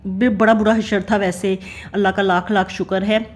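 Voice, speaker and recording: A woman's voice: medium pitch, little pitch movement, moderate pace. A middle-aged woman with a Pakistani Urdu accent, chatting in a homely way as she narrates her family vlog. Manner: chatty, homely, many fillers. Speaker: family vlogger. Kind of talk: casual voice-over narration.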